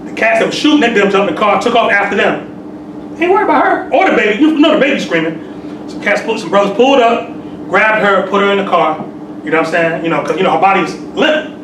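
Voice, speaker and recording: A man's voice: high-pitched, lively intonation, fast, distant mic. A man in his forties, a temple sheik, giving a conversational sermon with streetwise talk, peppered with "you know what I'm saying.". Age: 40s. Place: temple hall. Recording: echoey room, mic from afar, hissy.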